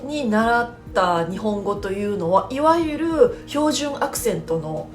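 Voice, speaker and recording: A woman's voice: mid-range voice, expressive, unhurried, echoey room, faint music behind. A woman from Kobe with a Kansai accent, hosting an interview in a polite, attentive manner with frequent small acknowledgements. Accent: Kansai Japanese. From Kobe, Japan. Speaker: host.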